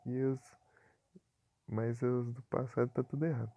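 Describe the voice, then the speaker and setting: Slow gravelly man, tinny stream audio. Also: mid-range voice, flat delivery. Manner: slow, rambling, repeats fillers. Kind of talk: casual live-stream gaming chat.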